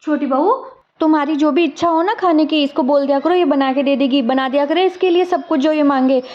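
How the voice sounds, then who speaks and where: A woman's voice: high voice, brisk, close to an everyday voice. A woman playing a domineering mother-in-law who scolds and taunts her daughter-in-law, in an echoey room with slightly dull sound. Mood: scornful.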